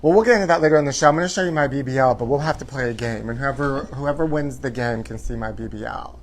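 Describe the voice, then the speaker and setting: A man with a mid-range voice chats casually to viewers as host of a live gossip show. His delivery is sassy and campy in the manner of a drag queen, with theatrical, drawn-out exclamations. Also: medium pitch, a little hiss or hum. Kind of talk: casual livestream chat to viewers.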